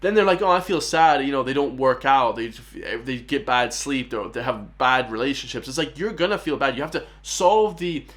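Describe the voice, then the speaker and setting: A man's voice: medium pitch, expressive, moderate pace, hardly any pauses, fairly bright tone. An Irish man hosting a reaction channel, giving emphatic casual commentary and often speaking straight to his viewers. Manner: emphatic, keeps addressing viewers as "guys".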